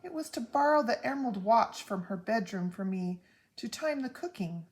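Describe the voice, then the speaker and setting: A woman reading aloud and voicing a small, anxious mother who frets and weeps, speaking high and emphatically. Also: lively intonation, normal speed. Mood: distraught. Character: anxious, tearful tiny mother, fretful and excitable.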